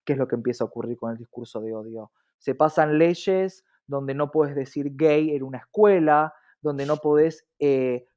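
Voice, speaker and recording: This interview guest is a diversity advocate, a man with an Argentine Spanish accent whose explanations are articulate and emphatic, full of rhetorical checks. He speaks at normal speed with hardly any pauses, in a slightly high voice with a dark tone, and the lo-fi recording is dull and muffled.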